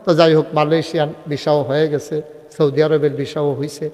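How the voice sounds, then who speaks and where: A man's voice: on the high side, little pitch movement, brisk, mellow, long reverb tail. A man preaching a humorous sermon, telling stories and getting the crowd to call back responses. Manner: conversational, storytelling with dialogue. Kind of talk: humorous Islamic sermon at a religious gathering.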